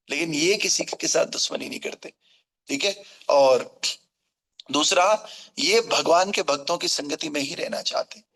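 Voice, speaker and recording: A man's voice: fairly high pitch, a bit bright, poor audio. A man giving a scripture lecture, slipping English words into his preaching, asking rhetorical questions and checking that his listeners follow. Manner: acts out quoted family scolding.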